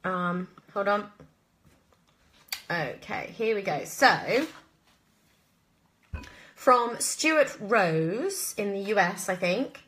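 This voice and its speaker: Speaking very slowly and pausing often, an actress with an English accent answers viewers' questions in a relaxed live chat. She hesitates, thinks aloud and keeps clearing her throat. Her mid-range voice is expressive and fairly bright.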